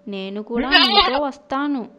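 A woman voicing a mischievous young shepherd boy in a cartoon story, pitching her voice up high. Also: animated, a little slow, pushed and bright, full character voice. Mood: pleading.

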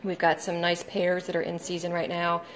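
A woman's voice: on the low side, monotone, normal speed. A woman in her forties, chatty and full of ums, talking viewers through her meal prep in a home kitchen on a handheld phone. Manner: chatty, friendly, many ums, talks to viewers. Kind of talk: casual live video walkthrough. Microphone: phone held in hand.

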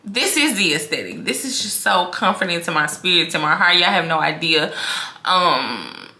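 Vlogger, young woman, Mississippi accent; very bright, sharp tone; big confident personality; echoey room. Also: fairly low pitch, moderate pace. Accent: Mississippi Southern. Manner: big, animated and confident, talks straight to viewers. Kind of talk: casual talk to camera.

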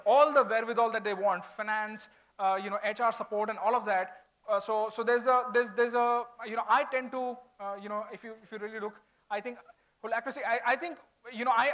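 A high-pitched man with an Indian accent speaks quickly from a stage. His delivery is informal and conversational, in the way of a corporate speaker taking questions from an audience. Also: fairly bright tone. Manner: informal, switching between English and Hindi. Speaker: corporate HR speaker at a college event. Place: large auditorium stage.

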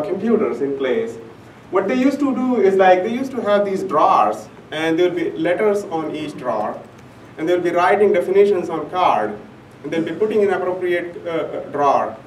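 A young native Urdu speaker gives an academic talk in a large indoor conference room, his fairly high, slightly mellow voice halting often amid fillers and restarts. A room camera mic picks him up from far away, so the sound is echoey, with a faint hum underneath.

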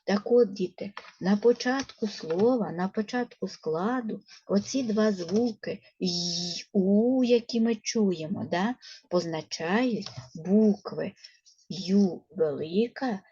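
Slow, patient woman teacher, lo-fi. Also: mid-range voice, warm tone, slightly rough. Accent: Ukrainian. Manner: slow, patient, coaxing children. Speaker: primary school teacher. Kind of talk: first-grade reading lesson.

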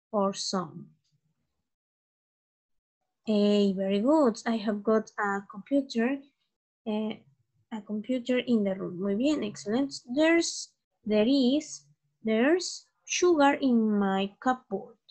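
Very slow-paced woman teaching English. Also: mid-range voice, darkish tone. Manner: patient, drills words slowly one by one. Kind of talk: bilingual grammar lesson.

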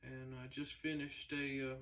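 A laid-back man talks in a flat, even tone and stops often for fillers. He sits in a large garage shop, and his voice comes from a camera several meters away, so it sounds distant and roomy. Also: mid-range voice, normal speed. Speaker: race car builder and shop owner. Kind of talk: casual vlog talk. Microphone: camera a few meters away.

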